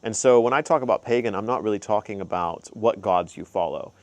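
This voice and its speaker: Speaking a little fast in a lowish voice, this young adult from the United States shares sincere spiritual guidance on his channel. He's casual and earnest, with lots of ums and uhs, and the recording is dry.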